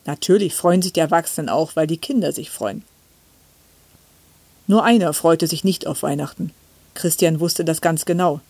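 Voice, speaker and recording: A woman reading a children's Christmas story aloud, with calm, gentle storytelling. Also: deep voice, moderate pace, pauses often, no echo. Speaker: reader. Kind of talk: scripted storybook narration.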